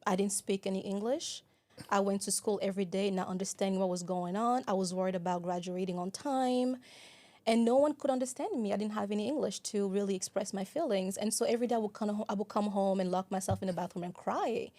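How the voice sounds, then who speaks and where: Mellow-voiced woman telling her story. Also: mid-range voice, quick pace. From Democratic Republic of Congo. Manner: earnest, reflective. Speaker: guest, program director. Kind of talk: personal storytelling in interview.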